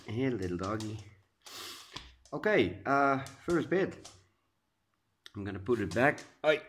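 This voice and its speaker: This orchid grower from the Netherlands has a medium-pitched, slightly bright voice and is very animated, though he speaks slowly. Giving a casual update at home in a Dutch accent, he sounds stuffy and congested and hesitates with lots of uh's. A little hiss or hum is audible.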